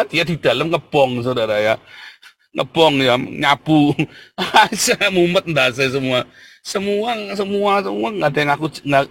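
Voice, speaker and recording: A man preaching a sermon with fervour, swinging from low murmurs to loud excited bursts and calling his listeners brothers. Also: husky. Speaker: pastor.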